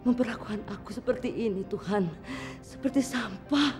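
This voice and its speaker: A woman's voice: fairly high pitch, normal speed, music in the background, close to an everyday voice. An actress playing a distraught middle-aged mother who scolds her grown son and then despairs. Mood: despairing. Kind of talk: TV drama acting.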